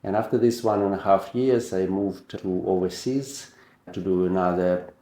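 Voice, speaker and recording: A middle-aged man speaks English with a Ukrainian accent, recounting his career as a surgeon. His voice is low and mellow, and his phrasing is measured and a little non-native, with restarted words. The room around him gives a noticeable echo. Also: a little hiss or hum. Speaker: heart and lung surgeon. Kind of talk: personal career account.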